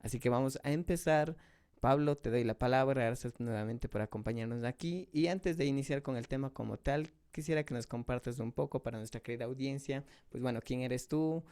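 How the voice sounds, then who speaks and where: Smooth-voiced devout radio host man. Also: mid-range voice, a little mellow, no room sound, clean studio sound. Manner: measured, devout, slows for prayers.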